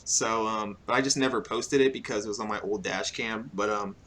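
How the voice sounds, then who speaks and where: A man's voice: fairly low pitch, fairly quick, fairly bright tone, slight background noise. A young man hosting a casual podcast, telling stories in a laid-back way with lots of fillers and laughs. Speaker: podcast host. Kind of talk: casual chat about car racing.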